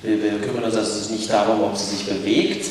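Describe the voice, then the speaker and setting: A man interpreting live for an audience in a large indoor arena, talking quickly with frequent hesitations. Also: lowish voice, flat delivery. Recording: echoey arena, distant mic, noise.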